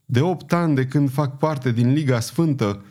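A man's voice: mid-range voice, warm tone, close to an everyday voice. A male audiobook reader voicing a terrified ferryman who begs and stammers. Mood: nervous. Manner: panicked, begging, breathless. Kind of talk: audiobook character voice.

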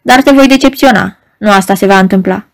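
A woman's voice: medium pitch, close to an everyday voice. A woman reading an audiobook, voicing a cold, mocking red-haired male stranger in a dry, curt, scornful manner. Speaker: audiobook reader. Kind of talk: audiobook narration.

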